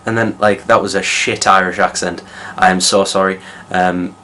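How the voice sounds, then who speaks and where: A young man with a low, deep voice reviews a film in loose, casual talk. He rambles, circling back with plenty of fillers and false starts. A faint hiss sits under his voice. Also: steady tone, moderate pace, pushed and bright. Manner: rambling, many fillers and restarts. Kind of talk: casual spoken movie review.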